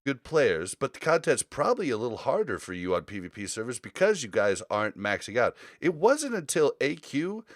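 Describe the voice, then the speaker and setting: A man hosts a gaming podcast, chatting casually and giving opinions in a rambling, storytelling way. His mid-range voice is very animated and brisk with few pauses. The audio is studio quality with no echo.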